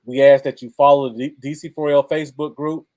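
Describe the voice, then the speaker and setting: A man's voice: on the high side, level tone, fairly quick, dark tone. American man co-hosting a casual sports stream. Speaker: co-host of a football fan livestream. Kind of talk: casual live sports chat.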